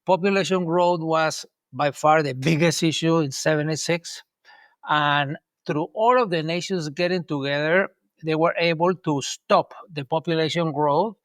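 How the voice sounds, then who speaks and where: A man's voice: a little high, unhurried, a bit bright, dry recording. A man from Colombia in his sixties, answering interview questions in a rambling way with many ums and restarts. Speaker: guest, urban planner.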